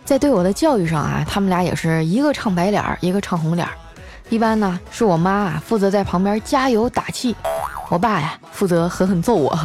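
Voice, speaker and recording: A woman hosting a show, telling comic stories about her life in a chatty way, with lots of drawn-out filler particles. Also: medium pitch, expressive, darkish tone, soft background music. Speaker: host. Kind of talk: scripted comic storytelling.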